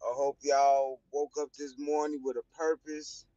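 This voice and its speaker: A man's voice: mid-range voice, little pitch movement, unhurried, warm tone, dry recording, muffled recording. A man with a Chicago accent hosting a casual early-morning live stream, giving loose, repetitive, preacher-like words of encouragement. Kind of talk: casual motivational live talk.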